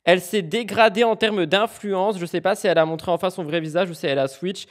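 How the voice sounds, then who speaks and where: A woman hosting a live stream, commenting with animated, mocking and exaggerated reactions. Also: lowish voice, fast talker. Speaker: streamer host.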